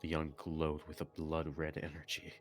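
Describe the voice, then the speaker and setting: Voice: very deep voice, completely flat delivery, a little slow, soft background music. Someone reading fan fiction aloud in a melodramatic way, with joking asides. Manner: melodramatic narration, breaking into laughter and asides. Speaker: reader of a story, with commentary.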